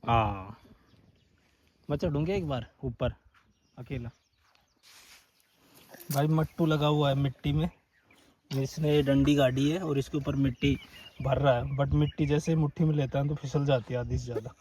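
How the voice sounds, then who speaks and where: A man with a sore, hoarse throat talks his viewers through an outing in open country. His chat is loose and friendly, and he keeps calling them brother. Faint outdoor noise sits behind his voice. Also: mid-range voice, steady tone, moderate pace, pauses often, warm tone. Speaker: vlogger. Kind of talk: casual outdoor vlog narration. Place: outdoors on sand dunes and a forested hill.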